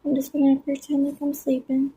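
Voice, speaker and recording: A woman's voice: high-pitched, completely flat delivery, brisk, dark tone, close to an everyday voice. A woman voicing the thoughts of a sleepy female pet cockatiel who avoids a fight. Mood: dismissive.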